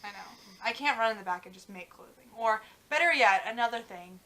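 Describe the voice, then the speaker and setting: A young woman co-hosting a casual vlog chat, talking fast and loose with lots of fillers. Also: fairly high pitch, animated, pushed and bright, rough recording. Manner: chatty, many "like" fillers, trails off. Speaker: vlog co-host.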